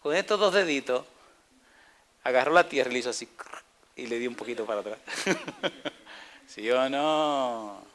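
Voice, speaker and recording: A pastor preaching a sermon with animated delivery, asking the congregation questions and acting out dialogue in playful voices. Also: male voice, mid-range voice, normal speed, pauses often.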